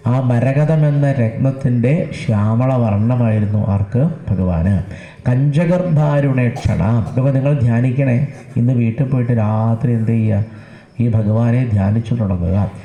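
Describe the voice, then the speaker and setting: Man giving a temple sermon, dark echoey voice. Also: mid-range voice. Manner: asks the audience questions and answers them himself; chants verses slowly, repeats words for emphasis. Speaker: religious discourse speaker. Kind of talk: devotional scripture discourse. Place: temple gathering.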